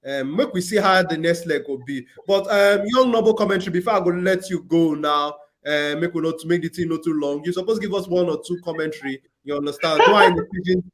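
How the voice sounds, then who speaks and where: A man with a Nigerian accent hosts casual football talk, pushing his guest along in an upbeat, insistent way. His voice is high, and he talks very fast. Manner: pushy, upbeat questioning. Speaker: football show host.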